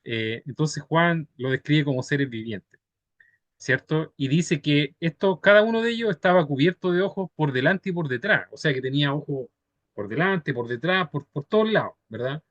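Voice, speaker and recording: A man's voice: on the high side, expressive, normal speed, a bit bright, dry recording, muffled recording. A man teaching a Bible study in a patient, conversational way, often checking in with his listeners. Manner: ends phrases with checking tags, patient and conversational.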